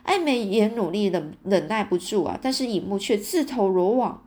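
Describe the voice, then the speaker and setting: A woman's voice: medium pitch, animated, normal speed, a little mellow. A woman reading a fantasy novel aloud in a casual, chatty way, sprinkling in little fillers. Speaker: audiobook reader.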